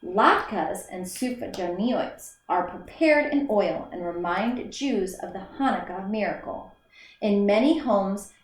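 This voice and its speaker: This medium-pitched woman teacher reads a children's book aloud, taking it slowly and deliberately. Her careful delivery has occasional small slips and restarts, and the room around her echoes.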